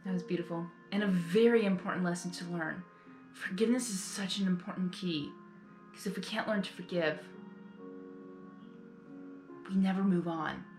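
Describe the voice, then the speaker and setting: A woman with a lowish, darkish voice hosts a casual reaction video, talking fairly quickly in a rambling, exclamatory way and often repeating her phrases. Her emotional commentary sounds roomy, with faint music in the background.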